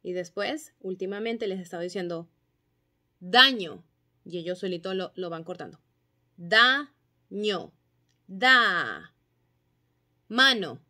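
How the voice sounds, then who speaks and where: A woman teacher patiently explaining phonics drills and sounding out syllables and letter sounds clearly. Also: fairly low pitch, brisk, hardly any pauses, pushed and bright. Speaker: kindergarten teacher.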